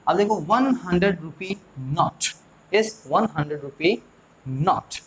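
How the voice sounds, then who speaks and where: Teaching grammar in class, an Indian English teacher coaxes students by quizzing viewers with repeated questions. He has a high, husky voice with lively intonation and a slow pace, on a rough recording.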